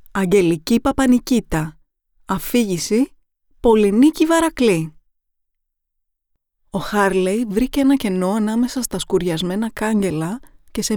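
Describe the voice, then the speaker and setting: A woman narrator reading short horror stories in a measured, suspenseful style. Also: mid-range voice, a little mellow, dry recording, clean studio sound.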